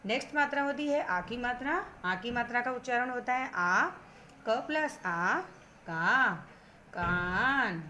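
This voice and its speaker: Woman teaching kids hindi grammar online, bit high voice, slow patient spelling out of sounds, faint hiss behind. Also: a bit bright. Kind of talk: online grammar lesson for children.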